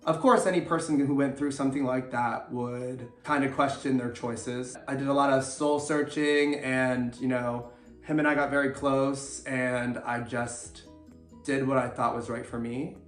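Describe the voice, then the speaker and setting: A man's voice: medium pitch, steady tone, measured pace, a bit bright. A man co-hosting a couple's vlog, telling a personal story in an earnest, hesitant way. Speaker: co-host of a couple's channel. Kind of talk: casual chat, personal story. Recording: echoey room, faint music.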